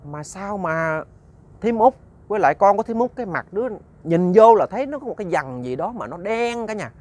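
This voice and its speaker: A man's voice: high voice, lively intonation, fairly quick, a little mellow. A man narrating a ghost story conversationally, often repeating words and talking to his listeners.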